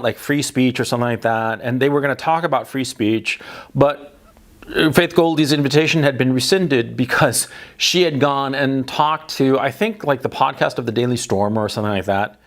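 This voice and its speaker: A man who grew up between Chile and the United States delivers a blunt opinion monologue in a gravelly, mid-pitched voice. He stresses points by repeating them and keeps checking in with "right?", stumbling over his own restarts. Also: normal speed. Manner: speech full of restarts and tag questions. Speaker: political commentator.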